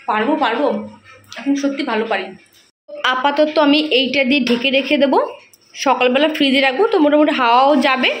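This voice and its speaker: A woman, chatting and mothering her kids in a casual home vlog from her kitchen at night. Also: sits high. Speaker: family vlogger. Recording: echoey room, faint noise.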